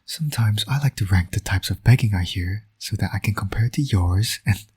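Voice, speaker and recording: In romantic roleplay audio, a man voices a flirtatious villain and doting father, sounding smug, teasing, playful, and intimate. His lowish, darkish voice is breathy and often near a whisper, and he speaks briskly.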